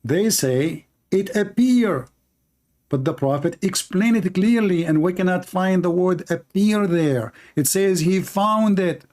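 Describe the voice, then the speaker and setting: A religious debate host, a man whose first language is Arabic, leads a polemical religious commentary in English. His high voice is a little mellow and he takes it slowly, speaking emphatically and repetitively with non-native phrasing.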